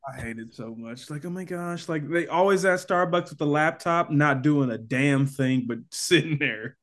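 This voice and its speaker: A young man co-hosting a podcast in casual chat, mocking people with exaggerated mimicry. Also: normal speed. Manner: mocking mimicry, jumps high and loud in quoted bits. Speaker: podcast co-host.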